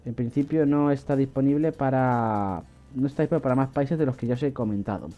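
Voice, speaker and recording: A man's voice: medium pitch, fairly quick. A man giving a casual screen-recorded walkthrough of a website, with frequent fillers and restarts. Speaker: online money-making channel host. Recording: slightly dull lo-fi audio with faint music.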